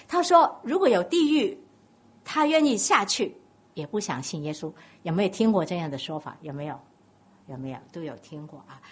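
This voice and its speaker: Woman preacher, Cantonese accent, husky voice, lively swooping pitch, storytelling sermon. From Guangdong, China. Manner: animated storytelling, questions to the congregation.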